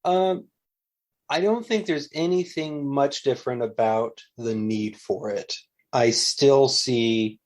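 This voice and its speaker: Middle-aged guy, professor on a podcast, chatty and reflective, lots of ums and restarts, normal pitch. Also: a little mellow. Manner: thoughtful, many fillers and restarts. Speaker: linguistics professor, interview guest. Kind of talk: conversational interview answers.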